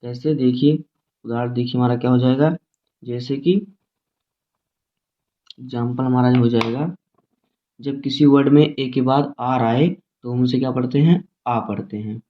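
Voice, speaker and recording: A man teaching English phonics in a slow, repetitive classroom style, spelling words out letter by letter. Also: medium pitch, fairly even intonation. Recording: tinny phone-like audio.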